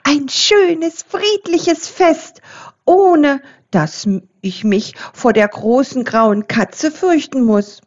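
A woman's voice: high-pitched, expressive, drawn-out words, voice pushed up, heavily acted. A woman voicing a small, chirpy and anxious little bird in a storybook reading. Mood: wistful.

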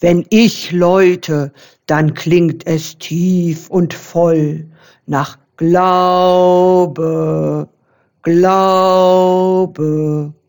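Storybook church bell, woman reading, old and proud, low and drawn-out. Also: fairly even intonation, a little mellow. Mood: solemn. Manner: slow, drawn-out, solemn.

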